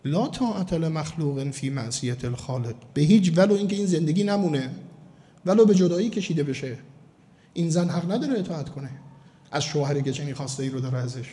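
A man from Mashhad delivering a sermon as a cleric, emphatic and slowing down to stress key words. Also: on the high side, animated, dark tone. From Mashhad, Iran. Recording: long hall reverb.

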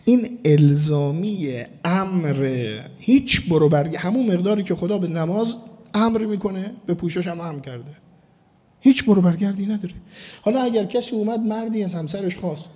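A man from Mashhad delivering a sermon as a cleric, emphatic and slowing down to stress key words. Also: sits high, mellow. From Mashhad, Iran. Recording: long hall reverb.

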